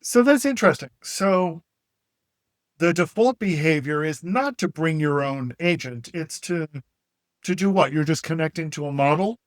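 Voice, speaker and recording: A man co-hosting a podcast, chiming in with quick clarifying questions in casual chat. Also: fairly high pitch, expressive, dry recording, clean studio sound. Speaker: podcast co-host.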